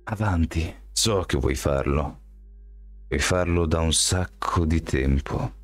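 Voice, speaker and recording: A man voicing a calm, self-assured young man who speaks in a measured, quietly defiant way, in an audiobook reading. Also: low-pitched, dry recording, soft background music.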